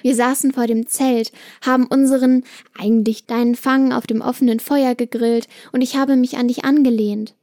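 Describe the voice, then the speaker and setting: A young woman voicing a gentle, loving granddaughter who pleads earnestly with her grandfather. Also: fairly high pitch, steady tone, normal speed, few pauses, dry recording, studio quality, close to an everyday voice.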